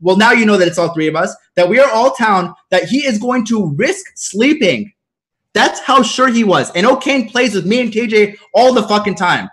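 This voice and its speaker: A man's voice: high-pitched, expressive, moderate pace, a bit bright. A man losing his voice, insistently arguing his side in a live party game and repeating his points. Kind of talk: heated game argument.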